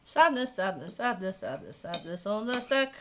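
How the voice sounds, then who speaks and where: A woman streamer giving animated, exasperated running commentary while playing a card game live, with sing-song thanks to followers. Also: medium pitch, moderate pace, background noise.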